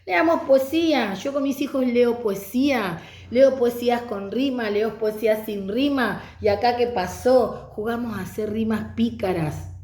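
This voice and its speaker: A woman's voice: a little high, unhurried, mellow, reverberant. A middle-aged woman teacher giving a conversational online lecture on reading pedagogy.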